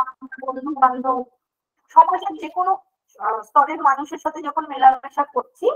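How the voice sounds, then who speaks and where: A woman teaches an online class, her high, bright voice walking through each point. She poses questions and answers them herself. The stream audio is dull and lo-fi. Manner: explanatory, asks and answers her own questions. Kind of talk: online lecture.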